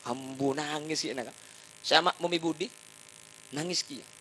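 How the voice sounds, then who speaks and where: Male preacher, fairly high voice, jokey sermon with loud fiery peaks. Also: unhurried, slightly rough. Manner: swings from soft asides to loud impassioned bursts; chants salawat and sings lines. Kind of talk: humorous sermon.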